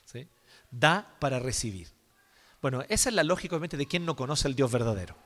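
Animated bright-voiced preacher in echoing hall. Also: male voice, medium pitch, brisk. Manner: expressive, acts out examples, asks listeners questions. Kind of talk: sermon. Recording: long hall reverb.

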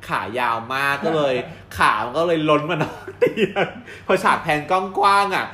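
A man co-hosting a casual chat, recapping episodes in a lively, storytelling way and laughing often. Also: fairly high pitch, moderate pace. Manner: animated storyteller, acts out quoted dialogue and laughs often. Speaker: co-host reviewing a drama series. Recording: roomy with faint background ambience.

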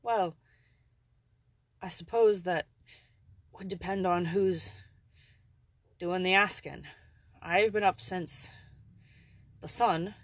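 Narrator doing a gravelly old Irish manservant. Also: medium pitch, fairly even intonation, slow pace, pauses often, a bit bright, no room sound. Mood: courteous. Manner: polite, folksy old-fashioned speech. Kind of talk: audiobook character voice.

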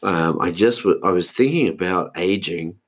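A man's voice: low voice, normal speed. A man in his forties, hosting a solo podcast and musing aloud in a meandering way, often losing his thread. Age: 40s. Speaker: podcast host. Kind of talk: solo rambling monologue.

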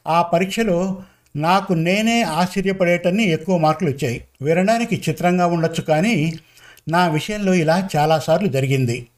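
Man narrating a story, fairly high voice. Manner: measured, conversational storytelling. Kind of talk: first-person story narration.

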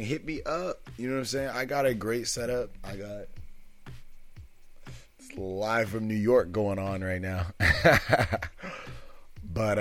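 A man's voice: fairly low pitch, fairly bright tone. A man hosting his own podcast from a recording booth with two studio microphones. He chats casually and upbeat, and often checks in with "you know what I'm saying.". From California. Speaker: podcast host. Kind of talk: casual solo podcast monologue. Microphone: two studio microphones, switching between them.

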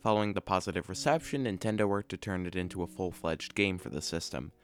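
A man's voice: low-pitched, quick pace. A man hosting a podcast, reading scripted explainer narration about video game trivia in a dry, matter-of-fact way. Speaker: podcast host.

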